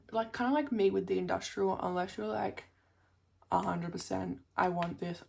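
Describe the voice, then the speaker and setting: Gravelly-voiced young woman chatting to camera. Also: medium pitch, a little mellow, slight background noise. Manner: chatty, swears casually, many fillers and "like". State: slightly impeded speech from a new tongue piercing. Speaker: vlogger. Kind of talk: casual chat to camera.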